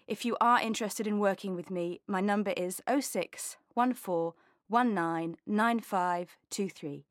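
A woman voice actor speaks in a slow, friendly, measured way while introducing her demo. Her voice sits at a middle pitch, recorded close and dry in a studio. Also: no room sound. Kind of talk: voice demo read.

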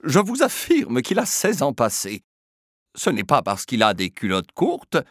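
A man voicing an indignant middle-aged mother in a spoken story, protesting in a sour, shrill tone. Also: huge pitch swings, a little slow, a bit bright, no echo, studio quality, heavily acted.

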